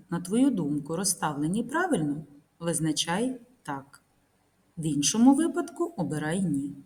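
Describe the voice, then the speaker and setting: A woman teacher narrating a recorded grammar lesson, reading example sentences slowly and carefully. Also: lowish voice, a little mellow. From Ukraine.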